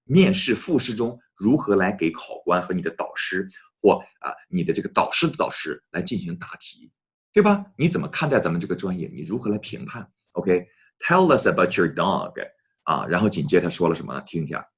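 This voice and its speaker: A man teaching an English lesson, often addressing his students and slowly repeating English phrases for them to copy. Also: deep voice, animated, slightly rough.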